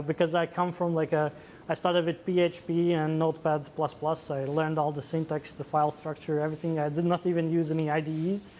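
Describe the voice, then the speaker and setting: A man from Latvia with a Latvian accent, presenting at a tech meetup, pausing often with many "uh"s. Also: a little high, a little mellow, a little hiss or hum. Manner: hesitant, many fillers. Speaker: conference speaker. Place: meetup venue.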